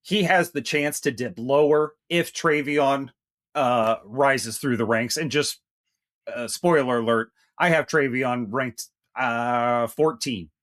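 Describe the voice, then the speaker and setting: A brash man cohosting a casual podcast, joking around and swearing freely as he talks. His voice sits at an ordinary middle pitch. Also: takes it slowly, fairly bright tone. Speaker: podcast co-host. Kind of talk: casual sports chat.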